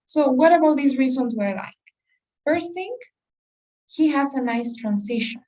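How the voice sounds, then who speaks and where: A woman's voice: sits high, lively intonation, unhurried, mellow, recorded from a distance, poor audio. A woman teaching an English test-prep class, explaining step by step and putting questions to her students. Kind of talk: class lesson.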